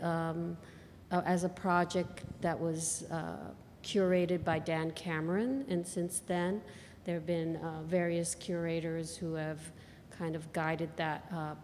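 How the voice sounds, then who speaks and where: A woman from Bangladesh, an artist, talking about her work in a live on-stage interview with thoughtful pauses between phrases. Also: lowish voice, a little mellow, big-room sound, slight background noise.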